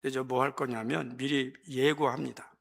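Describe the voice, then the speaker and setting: A man preaching a sermon in church as pastor, switching between quiet talk and impassioned exhortation. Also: medium pitch, steady tone, normal speed, gravelly. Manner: impassioned preaching, mimics voices.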